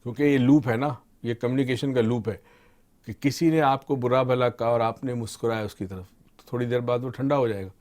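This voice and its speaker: A middle-aged man talks through his ideas like a patient teacher, setting out each step plainly for a listener. His voice sits at an ordinary middle pitch. He drops English words into his sentences as he explains. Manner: calm teaching tone, mixes English terms into Urdu. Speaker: expert guest on motivation and mind training. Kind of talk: explanatory discussion.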